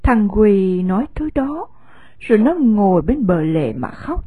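Husky woman with a Southern Vietnamese accent reading a story. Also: mid-range voice, very animated, measured pace, dry recording, phone-quality sound. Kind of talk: scripted story narration.

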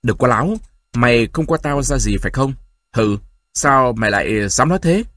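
A man voicing a stern, quick-tempered old grandfather with a hoarse voice, in an audiobook reading. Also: medium pitch, lively intonation, dry recording, clean studio sound, natural voice. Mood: angry. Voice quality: hoarse, shouting. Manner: harsh, scolding, then choked and tearful.

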